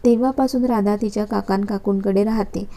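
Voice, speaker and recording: A woman narrating a story in a steady, even reading style. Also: medium pitch, a little fast.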